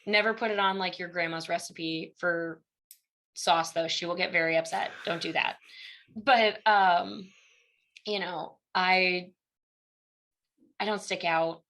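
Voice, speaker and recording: Slow and pausing often, this young Illinois woman speaks in a fairly low, steady, fairly bright voice with a Midwestern accent. A university instructor guesting on a casual interview, she's a chatty storyteller who performs the exchanges she quotes.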